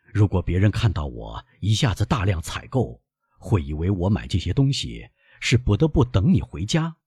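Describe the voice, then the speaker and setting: Man doing a frail, soft old father. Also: low-pitched, sing-song, moderate pace, husky, no echo, clean studio sound, full character voice. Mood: gentle. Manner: weak, soft-spoken, sometimes whispered. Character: frail, gentle old father, poor and self-denying. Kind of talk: audiobook reading.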